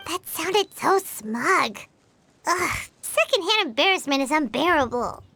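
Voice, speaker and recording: A tiny, childlike game sidekick with an extremely high, bright squeak. The little companion is cheeky and blunt, with a whiny edge. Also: female voice, animated, a little slow, slight background noise, full character voice. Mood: grumbling. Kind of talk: video game voice acting.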